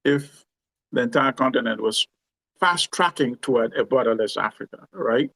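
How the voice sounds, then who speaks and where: A man from Uganda, a guest explaining his points in a measured conversational way, often checking in with "you know" and "right?". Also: medium pitch, gravelly, a bit bright, dry recording, poor audio. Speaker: guest commentator. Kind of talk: conversational discussion.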